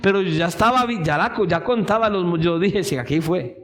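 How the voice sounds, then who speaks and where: A male preacher with a high-pitched voice delivers a sermon in a church. He speaks with fervor, and his voice climbs into shouted appeals. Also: a little fast. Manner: impassioned, rising to shouted pleas.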